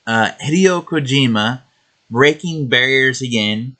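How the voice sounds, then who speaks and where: A man's voice: medium pitch, unhurried, bright, forceful tone. A man hosting a video game show, giving casual opinion commentary in a hesitant, rambling, matter-of-fact way.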